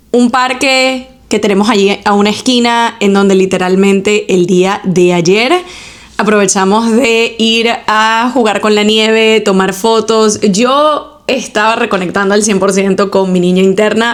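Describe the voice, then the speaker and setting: A woman in her thirties with a Venezuelan accent, hosting a casual solo podcast from home and chatting with listeners, sprinkling English words into her Spanish. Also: medium pitch. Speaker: podcast host. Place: home, indoors.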